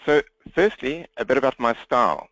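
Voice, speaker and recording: This interactive webinar training is led by a South African man with a South African accent and a slightly croaky throat, who stands at his computer and talks fast, directly and upbeat. His mid-range voice has lively intonation and a fairly bright tone. The audio is dull, with no echo.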